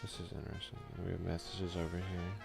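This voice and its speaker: In this casual ASMR let's play, the gaming video host talks fast in a low, gravelly voice with fairly even intonation. He reads game text aloud and mutters slangy asides, with music in the background.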